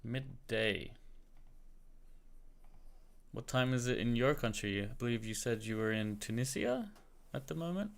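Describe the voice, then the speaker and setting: Searching on his computer mid-livestream, an Australian man with an American-sounding accent says hello to viewers and talks casually to himself. He speaks unhurriedly in a mid-range voice with lively intonation, vocal fry and long pauses, over keyboard typing and clicking.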